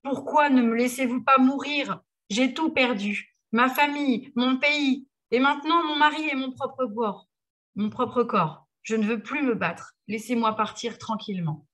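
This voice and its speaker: A broken young widow, paralysed and far from home, cries out in despair, her voice rising higher and pleading through tears, as a woman reading a story aloud gives her voice. She begs to be let go, worn out from fighting. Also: a little slow, fairly bright tone. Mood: desperate pleading. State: crying.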